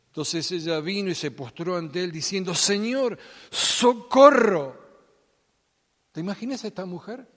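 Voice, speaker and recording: A man preaching a sermon as pastor, dramatic, acting out the Bible voices, swinging between loud and soft. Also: high voice, a little fast. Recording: long hall reverb.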